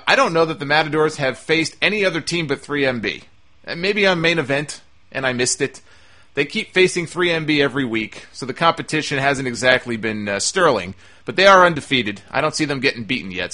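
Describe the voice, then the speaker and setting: A man's voice: mid-range voice, lively intonation, a little fast, pushed and bright. A man hosting a solo wrestling podcast, giving opinionated commentary in a conversational way. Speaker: podcast host.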